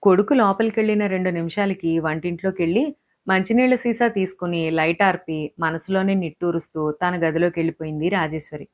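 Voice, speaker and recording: A woman narrating an audio story, expressive and scripted. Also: on the low side, brisk.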